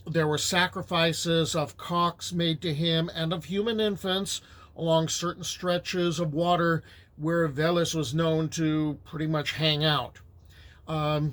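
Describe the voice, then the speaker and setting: An older man in the United States, a native Ukrainian speaker, tells history in a slow, rambling way, his voice sitting on the high side. His casual spoken history talk wanders conversationally, full of asides.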